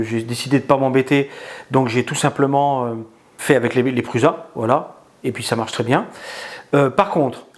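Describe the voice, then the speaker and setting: A man giving a casual spoken product review, hesitant, with many pauses and filler sounds. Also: mid-range voice. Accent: non-native in English words.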